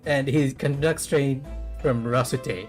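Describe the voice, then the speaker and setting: A streamer explaining a game's characters in relaxed, casual commentary. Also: medium pitch, slow pace. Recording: game music behind. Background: game music.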